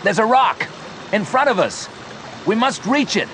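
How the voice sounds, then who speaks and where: A man reading a storybook, voicing a brave, determined young swimmer who calls out in a high, shouted voice. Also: very animated, normal speed, noisy background, lightly acted. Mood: shouting.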